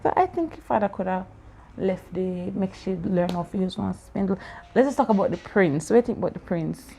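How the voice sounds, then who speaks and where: In a casual chat after reading a story, an aunt quizzes a child, laughs often and playfully challenges the answers. She sounds animated and fairly quick, with a mid-range, gravelly, warm voice over a slight hiss or hum.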